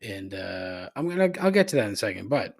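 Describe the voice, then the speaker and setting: Recording a solo podcast into a cheap desk mic in a big, echoing room, this host rambles and jokes at his own expense, full of fillers and false starts. His voice is lowish, creaky, congested and slightly nasal, very animated and a little fast.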